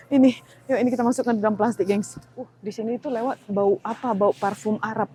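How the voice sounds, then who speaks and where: A woman's voice: on the high side, mellow, slight background noise, poor audio. A young woman chatting casually as she shops in a supermarket, thinking aloud and exclaiming at prices. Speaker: vlogger. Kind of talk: casual shopping vlog narration. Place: supermarket, indoors.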